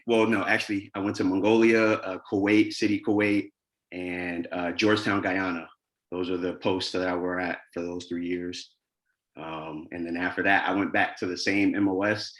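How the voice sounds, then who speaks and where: A man in his twenties introducing himself to a class on a video call, speaking in a steady, orderly and polite way. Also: low voice. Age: 20s.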